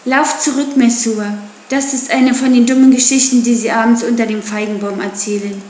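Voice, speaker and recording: A woman's voice: fairly high pitch, steady tone, moderate pace, darkish tone, reverberant, a little hiss or hum, close to an everyday voice. A woman voicing a defiant wild boy raised by wolves, scornful and taunting. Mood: urgent.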